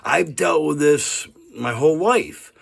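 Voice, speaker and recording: A vlogger in his fifties talks straight into the camera in a loose, rambling monologue, sounding earnest and repeatedly checking in with "right?" and "you know". For a man, his voice sits a little high, and he speaks slowly with a creaky, breathy edge.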